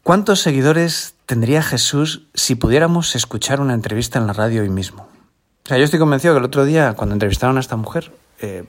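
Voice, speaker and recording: A Spanish-accented man, a school chaplain, giving a conversational homily and often ending phrases with a questioning tag. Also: medium pitch. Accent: Peninsular Spanish. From Spain.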